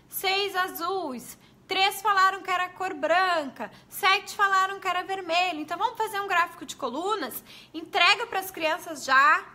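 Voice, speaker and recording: A woman's voice: very high-pitched, bright, forceful tone. A woman pedagogue, giving chatty, explanatory tips on classroom activities to fellow teachers. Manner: chatty, explanatory, addresses viewers as gente.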